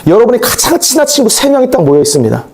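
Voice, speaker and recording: A male pastor preaching a sermon in a conversational, animated way, with asides and acted-out quotes. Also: extremely high pitch, racing.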